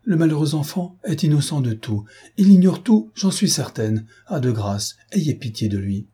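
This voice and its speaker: A man's voice: mid-range voice, lively intonation, normal speed, dark tone, husky, voice pushed up. A man voicing an anxious, devoted governess who pleads and implores in an audiobook reading. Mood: pleading.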